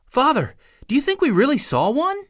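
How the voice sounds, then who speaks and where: A man's voice: extremely high pitch, wildly swooping pitch, a little fast, a bit bright, pitched above the performer's own voice, full character voice. A man doing a curious young boy. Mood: wondering. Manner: curious, raised and boyish. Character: wondering older boy, the brother.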